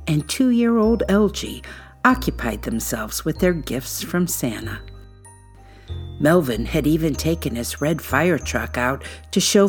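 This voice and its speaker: A woman hosts a true-crime podcast, reading her script in a measured, suspenseful storytelling style with dramatic pauses. Her voice is low-pitched and darkish, with a slightly rough texture.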